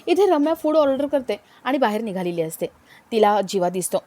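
A woman narrates a story in an even, plain telling. Her voice sits a little high. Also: brisk.

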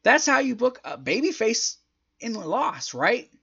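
Speaking from a small room at home into a desk microphone right in front of him, this young wrestling reviewer has a very high, sing-song voice that is gravelly, husky, bright, and forceful. He talks at a measured pace, giving emphatic, conversational opinions with a slightly strained throat, and the audio is dull.

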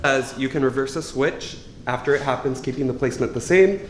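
A man's voice: medium pitch, brisk, heavy background noise. A young man, a reality show contestant, reading out a game card and apologizing. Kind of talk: announcing a game move. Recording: roomy echo.

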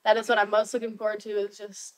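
A woman's voice: mid-range voice, completely flat delivery, fast, rough recording. A young woman talking in an upbeat, chatty way with many fillers in a casual interview, as a new real estate agent. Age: young adult.

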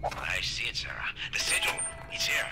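An actor playing a sinister, cryptic man in a horror video game, with a gravelly, breathy voice. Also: lowish voice, big pitch swings, moderate pace, over loud music. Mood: ominous.

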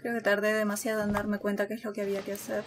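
A woman's voice: mid-range voice, monotone, racing, noisy background. A woman commenting on a horror game as she plays, talking to herself in a nervous way. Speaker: gamer. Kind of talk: let's play commentary.

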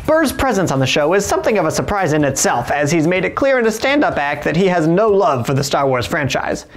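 A man's voice: on the high side, very animated, a little fast. A man in his thirties with an American accent, presenting scripted, upbeat entertainment news in a studio. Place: studio, on camera.

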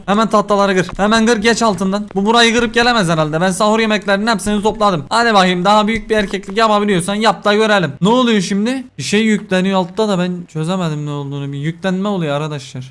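Excitable gamer man, high and quick-talking with a smooth, crisp voice; mutters and curses at the game as he plays. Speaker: gaming streamer. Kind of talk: live gaming commentary.

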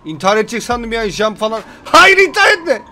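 Young guy yelling and joking through a game, real high voice, bright and sharp. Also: fairly quick, slight background noise. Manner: excitable, yells and jokes at the game. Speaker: gameplay commentator. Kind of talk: gameplay commentary.

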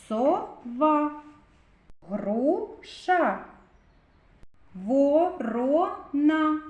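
A woman teaching little children in a slow, sing-song lesson voice, stretching out the key sounds. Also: a little high, a little mellow. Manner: exaggerated, drawn-out stressed sounds. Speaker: kindergarten teacher. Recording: echoey room.

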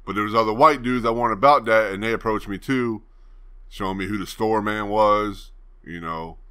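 A young man from Virginia hosts his channel, telling a story to camera in a laid-back, rambling way and swearing freely. His voice sits low and sounds pushed and bright.

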